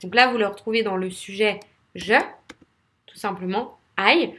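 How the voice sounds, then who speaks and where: A woman's voice: medium pitch, normal speed, sharp tone. A woman with a French accent teaching English pronunciation, speaking straight to her viewers and repeating each sound patiently. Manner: speaks directly to viewers, encouraging.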